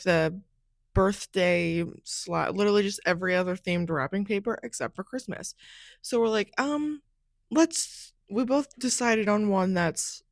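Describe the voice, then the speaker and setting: A young woman hosts her own podcast and tells stories in a loose, chatty solo session, with "like" scattered through her talk. She sounds slightly groggy, as if she just woke from a nap. Her voice sits at a middling pitch, and the recording is dry, with no room echo. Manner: chatty, fills speech with "like". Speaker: podcast host. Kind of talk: casual solo storytelling chat.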